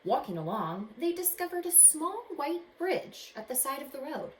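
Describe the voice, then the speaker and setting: Her voice sits high and swings widely in pitch as this teacher reads a storybook aloud to children. She hams up the drama and pauses to ask the little listeners questions. The space sounds echoey, and faint background noise is audible.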